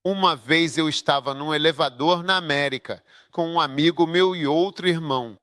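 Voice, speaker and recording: A man delivers a sermon as a voice-over, his voice pitched high and bright. He speaks emphatically and keeps turning to the audience with rhetorical questions. The sound is close and dry. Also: normal speed, dry recording. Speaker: preacher.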